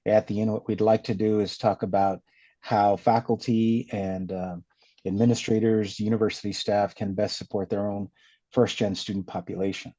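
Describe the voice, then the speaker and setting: Relaxed male moderator, warm low tone, muffled online call sound. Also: moderate pace, no room sound. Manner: friendly, filler-laden moderating. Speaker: webinar host, consultant. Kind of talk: hosting a webinar panel. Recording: dull lo-fi webinar audio.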